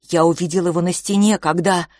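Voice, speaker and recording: A woman's voice: on the low side, fairly even intonation, a little mellow, no echo, clean studio sound, natural voice. A woman voicing a scared, stammering little boy. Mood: frightened halting. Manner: halting, stammering, unsure. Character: frightened young boy on the verge of tears.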